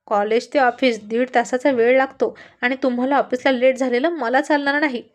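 A woman's voice: high voice, steady tone, fairly quick, natural voice. Woman doing a pouting, lazy college girl. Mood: complaining. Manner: complaining, whiny.

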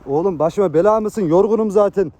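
A man caught in a street prank, scolding and trying to calm a stranger, audibly exasperated. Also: high-pitched, fairly quick, a little hiss or hum. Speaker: prank target. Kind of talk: casual street talk. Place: outdoors on a street.

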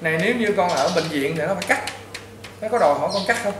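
A high-pitched male priest with a Southern Vietnamese accent counsels a patient informally, lecturing bluntly and repetitively as if addressing a child. He talks fast and animatedly, sounds distant from the microphone, and the strongly echoey room carries clear background noise.

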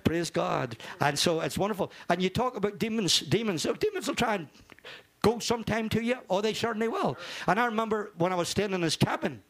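Older man, preacher, high-pitched, fervent, rambling, frequent amens. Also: fairly quick. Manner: fervent, peppered with amen and hallelujah; rambling, repeats words. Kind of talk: informal sermon.

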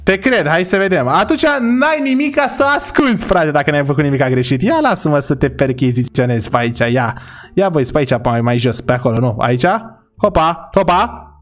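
Excitable high-voiced young Romanian gamer. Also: male voice. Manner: excitable, chatty, addresses viewers as brothers. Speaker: gaming YouTuber. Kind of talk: gameplay commentary.

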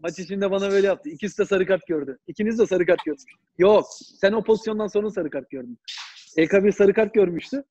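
A man's voice: sits high, quick pace, darkish tone. A former footballer, a man, chats eagerly on a video call, cutting in and repeating himself. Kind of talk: casual chat on a video call. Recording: dull lo-fi video call audio.

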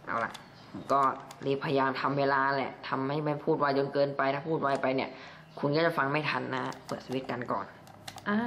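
A man's voice: mid-range voice, fairly bright tone. A young man chatting casually through a toy review and padding his sentences with polite particles. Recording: echoey room, faint background noise.

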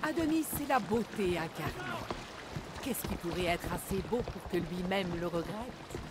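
An actress playing an older, proud poetess in a video game, declaiming theatrically like a stage performer. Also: female voice, on the low side, animated, unhurried, heavy background noise. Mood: warm, earnest. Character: grey-haired old poetess, proud, theatrical, fond of her art. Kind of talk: video game character acting in French dub.

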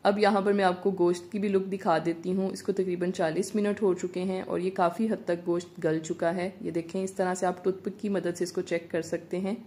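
Woman, cooking voice-over, low-ish voice, mellow tone, calm step-by-step instructions. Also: a little fast, hardly any pauses. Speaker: cooking channel host. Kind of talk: recipe voice-over narration.

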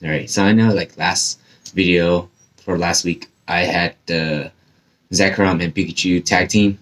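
A young man with a deep, low voice chats his way through a casual unboxing vlog. His speech is loose and full of fillers, and his mouth is a little numb from dental surgery, so some words come out slightly slurred. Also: steady tone, a little slow, fairly bright tone. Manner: chatty, rambling with many fillers. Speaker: YouTube host.

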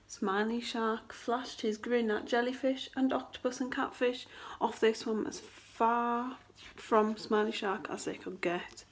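Woman teacher, storybook read-aloud for children, expressive, asks questions, fairly high voice, camera mic indoors.

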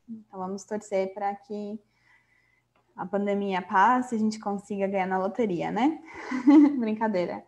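A woman's voice: mid-range voice, a little mellow. Brazilian woman teaching English patiently. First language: Portuguese. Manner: patient, checks in often with questions. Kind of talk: online language lesson.

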